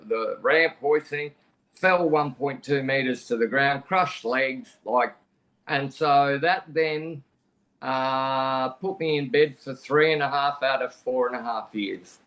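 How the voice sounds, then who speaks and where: A man's voice: medium pitch, measured pace, a bit bright. A middle-aged Australian man telling a personal story frankly as a podcast guest, talking plainly and often restarting his sentences. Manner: conversational, frank, plain-spoken with frequent restarts.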